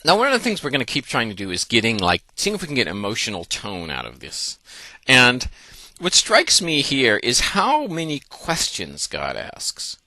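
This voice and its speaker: A man's voice: mid-range voice, wildly swooping pitch, moderate pace, sharp tone, no room sound. A man, a university professor, lecturing in a playful, jokey way and acting out the text. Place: classroom.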